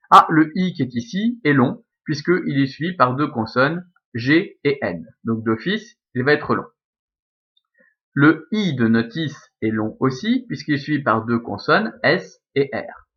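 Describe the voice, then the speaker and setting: A male teacher with a Belgian French accent walks through a lesson in a methodical, step-by-step way, repeating each rule patiently. His voice sits in a middle register. The recording is slightly dull and lo-fi. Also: mid-range voice. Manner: methodical, repetitive step-by-step explaining. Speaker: Latin teacher. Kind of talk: screen-recorded lesson explaining Latin scansion.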